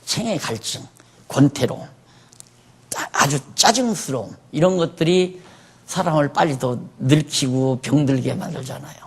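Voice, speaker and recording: A man's voice: fairly high pitch, normal speed, darkish tone, breathy edge. A man preaching a sermon in a conversational way, often asking his listeners questions. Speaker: pastor.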